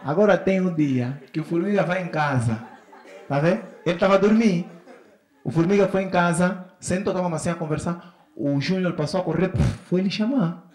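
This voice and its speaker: A man's voice: high voice, a little fast, a little mellow, echoey room. A man with an Angolan Portuguese accent doing stand-up comedy on a festival stage, telling family stories and acting out his son and wife in shifting voices.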